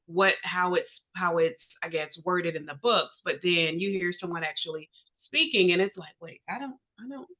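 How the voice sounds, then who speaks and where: A woman from Georgia in the United States hosts a casual interview, speaking informally and affirming her guest. Her voice is lowish with a fairly bright tone, and the lo-fi audio sounds dull.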